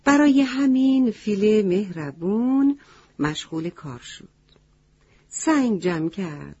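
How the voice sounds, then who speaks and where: A woman telling a story to children. She talks gently and keeps asking her young listeners questions. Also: on the low side, breathy edge. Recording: dull lo-fi recording.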